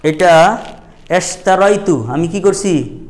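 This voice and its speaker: A man's voice: fairly high pitch, a little slow, darkish tone. A middle-aged man, teaching a grammar lesson at a madrasa and quizzing his students with repeated questions.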